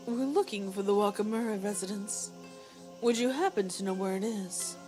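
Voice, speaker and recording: A calm, well-mannered young lady voiced by a woman reading a game aloud, speaking in formal, measured phrases. Her pitch sits in a plain middle register, lower than the reader's own. Faint game music plays underneath. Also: close to an everyday voice. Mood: polite. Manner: courteous, measured. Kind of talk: voicing game dialogue aloud.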